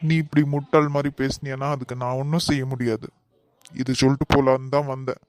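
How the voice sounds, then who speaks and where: A man's voice: mid-range voice, little pitch movement, fast, darkish tone, no echo, natural voice. A man voicing a married young cartoon man with a Kanyakumari Tamil accent, firmly turning away his ex. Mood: cold, firm. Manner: firm, exasperated, then coaxing. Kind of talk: cartoon voice acting.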